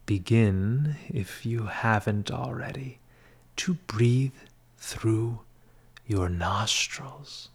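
A man at medium pitch leads a guided meditation, his delivery soft, breathy, and half-whispered in the style of a spa. He sounds soothing and measured, offering brief phrases separated by long pauses.

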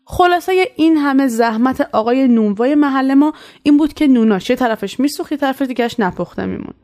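A woman casually telling a story from her childhood, in a conversational way. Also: sits high. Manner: conversational, animated when quoting.

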